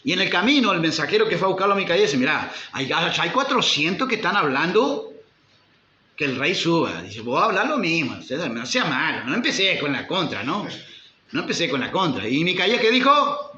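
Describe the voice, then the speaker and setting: A male pastor, preaching a sermon with animated delivery and acting out the lines of Bible characters. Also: a little high, fairly quick, reverberant, muffled recording. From Uruguay.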